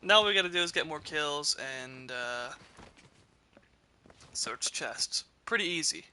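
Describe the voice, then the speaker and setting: Chatty bright-voiced young man streaming. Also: on the high side, lively intonation, a little slow, smooth. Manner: rambling, chatty, trips over words. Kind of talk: casual gameplay streaming.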